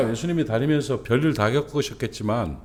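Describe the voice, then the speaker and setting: A man's voice: mid-range voice, normal speed. A middle-aged man, a senior pastor, preaching a dawn service sermon in a conversational way, with rhetorical questions and many fillers, rising to emphasis on his main points.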